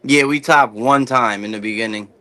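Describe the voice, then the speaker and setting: A man guest chatting casually, explaining things in a relaxed, plain way with fillers. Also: medium pitch, moderate pace, no echo. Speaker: guest grower. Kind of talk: casual chat.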